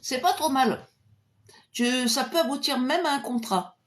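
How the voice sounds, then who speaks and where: A woman clairvoyant reading out viewers' questions on a live stream and answering them with a pendulum. She is cheerful and chatty, and drops to a low murmur when she calls on her guardian angels. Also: measured pace.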